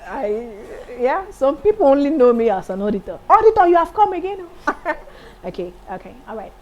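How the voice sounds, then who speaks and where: A woman in her late thirties, a singer and accountant, chatting as an interview guest in a lively, enthusiastic way. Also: sits high, normal speed, lo-fi sound. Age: 30s. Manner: lively, laughs often, enthusiastic. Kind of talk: casual interview chat.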